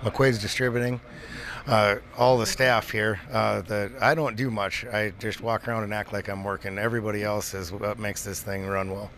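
A man's voice: fairly low pitch, flat delivery, normal speed, fairly bright tone. A man representing the bowling center, chatting casually on air with dry, self-deprecating humor.

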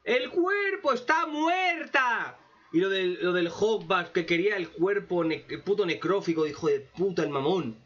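A man giving a sarcastic, profane anime commentary rant, with mocking asides and sudden loud outbursts. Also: sits high, steady tone, normal speed, hardly any pauses, husky. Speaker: anime reaction youtuber. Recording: dull lo-fi mic.

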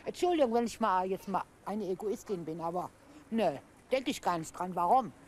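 A woman's voice: medium pitch, expressive, moderate pace, a little hiss or hum. A woman passerby speaking bluntly and arguing her case in an outdoor street interview. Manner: blunt, argumentative.

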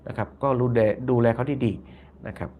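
A man's voice: mid-range voice, normal speed, narrow, tinny audio, a little hiss or hum. A man hosting a casual live-stream commentary, reading viewer comments aloud, often repeating phrases and tagging lines with polite particles. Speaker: YouTube channel host.

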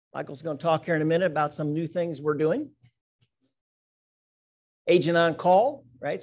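This is a man leading an office team meeting, his voice sitting slightly high. He moves through announcements and birthday shout-outs in an upbeat, teasing way, checking in with the room with quick "right?" asides. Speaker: meeting leader.

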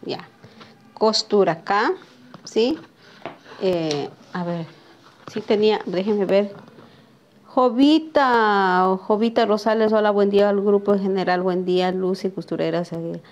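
A woman's voice: mid-range voice, a little slow, pauses often, muffled recording. Chatty woman teaching pattern cutting. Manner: chatty, talks to viewers by name and asks "¿sí?" often. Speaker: sewing teacher. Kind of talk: live pattern-making lesson. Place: sewing workshop, at a cutting table.

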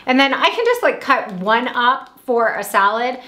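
A woman in her thirties from Indiana, chatting upbeat at home through a grocery haul vlog, with quick asides. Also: a little high, sing-song, pushed and bright, echoey room. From Indiana, USA. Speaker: vlogger. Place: small room at home.

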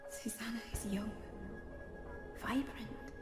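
An actress playing a troubled, secretive colonial-era wife in a horror game, speaking in a hushed, breathy, deliberate way. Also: female voice, fairly high pitch, fairly even intonation. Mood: hushed wonder. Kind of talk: dramatic period narration. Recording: echoing, music underneath.

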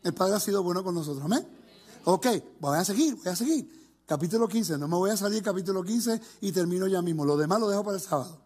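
A man teaching a congregation in an animated way, slipping English words into his Spanish. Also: sits high, fast, breathy edge. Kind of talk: lively Bible teaching.

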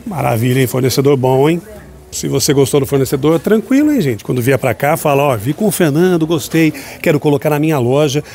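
A man with a slightly high voice hosts a market vlog. He walks along a busy outdoor street at night, filming on a handheld phone. He keeps up a chatty, upbeat patter aimed at his viewers. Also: lively intonation, a little fast, darkish tone. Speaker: shopping vlogger touring a street market. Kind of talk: walking market vlog with vendor chat. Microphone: handheld phone camera.

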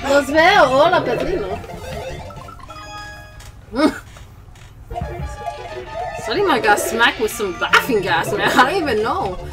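High, excitable woman streamer. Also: slow pace, long pauses, crowd noise. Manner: excitable, giggly, switching between English and Spanish. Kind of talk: live game stream commentary. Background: loud game music.

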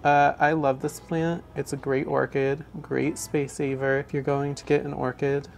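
A man's voice: a little high, level tone, normal speed, vocal fry. A man in his twenties narrating a casual home plant tour with wry, playfully dramatic asides, talking over passing trucks. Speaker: houseplant vlogger. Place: indoors at home by an open window. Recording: background noise from passing trucks. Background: passing truck traffic noise.

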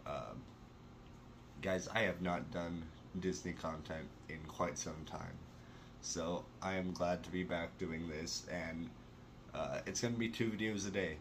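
This young adult man's low-pitched voice moves at a measured pace over background noise. He's a vlogger holding a casual sit-down news chat from his small bedroom, with the camera close to his face. Chatty and enthusiastic, he leans heavily on fillers.

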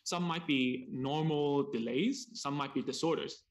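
A man presenting a seminar as a speech therapist, explaining in short chunks over a video call and pausing for an interpreter, with casual asides. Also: a little high. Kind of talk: seminar talk paused for interpretation.

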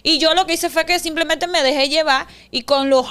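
A young woman, chatting as an interview guest and telling lively stories. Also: sits high, brisk. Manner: lively storyteller, acts out voices. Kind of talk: casual interview chat.

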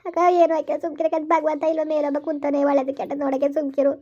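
A steady older village woman, voiced by a woman, soothes and urges in a high, brisk voice. The recording is dull and lo-fi. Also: natural voice. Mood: soothing, urging. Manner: soothing, urging the other to stop crying.

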